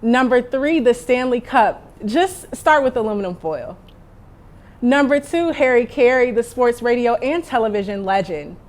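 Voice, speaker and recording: A woman's voice: a little high, animated, normal speed, darkish tone. A young woman working as a sports reporter, narrating a scripted countdown segment in a light, list-style read. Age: young adult. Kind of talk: scripted news package narration.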